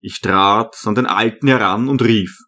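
A man narrating an audiobook as a first-person storyteller, measured and earnest. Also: on the low side, pushed and bright.

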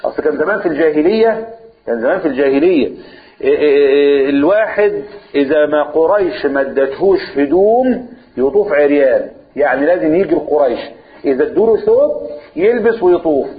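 A man with an Egyptian accent teaching a religious lesson, quizzing listeners with quick rhetorical questions and reciting scripture slowly. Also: a little high, animated. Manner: switches between colloquial talk and slow recitation. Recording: tinny phone-like audio.

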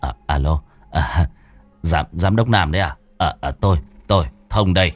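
A man's voice: deep voice, slow pace, soft background music, pitched below the performer's own voice. A man voicing a frightened older train driver who stammers nervously. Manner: shaky, stammering.

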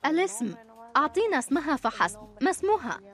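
A reassuring female airport security officer coaxes a traveler gently. Her voice sits somewhat high, and faint music plays behind her in this dubbed documentary. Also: sing-song, quick pace. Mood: coaxing. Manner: coaxing, reassuring. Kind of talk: dubbed documentary interview and dialogue.

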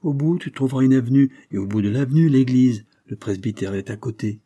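A man voicing a young cavalry officer giving quick, offhand directions. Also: medium pitch, mellow, husky, lightly acted. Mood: brisk.

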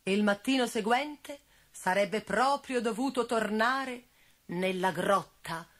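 A woman reading a children's fairy tale aloud as a storyteller, in an expressive, animated way. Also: on the high side, measured pace. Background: faint music.

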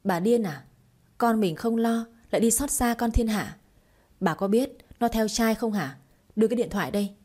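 A woman voicing a cruel, threatening young husband in a read-aloud story, with a husky, mellow voice. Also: on the high side, normal speed. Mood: angry threatening. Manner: menacing, contemptuous.

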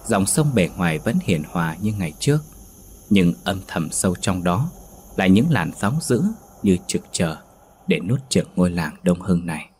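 A man narrating a horror story in steady, dramatic storytelling. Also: low-pitched, moderate pace, slightly rough.

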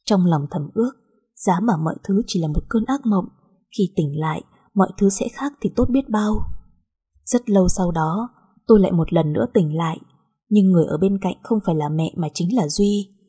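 Woman, first-person story narration, soft, emotional, mellow, breathy. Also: lowish voice, normal speed.

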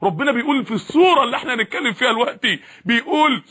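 A man's voice: very high voice, animated, racing, bright, forceful tone, breathy edge. A man with an Egyptian accent preaching a sermon, fiery and full of repeated rhetorical questions.

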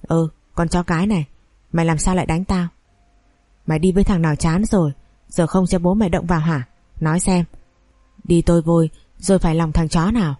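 A woman voicing a drunken, abusive older husband who snarls curses and rapid threats. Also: lowish voice, steady tone, mellow, dry recording, studio quality, close to an everyday voice. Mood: threatening.

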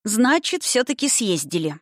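A woman's voice: normal speed, dry recording, clean studio sound. Woman voicing a feisty young noblewoman. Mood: brisk. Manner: lively, pitched up. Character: spirited young noblewoman, quick-tempered and stubborn.

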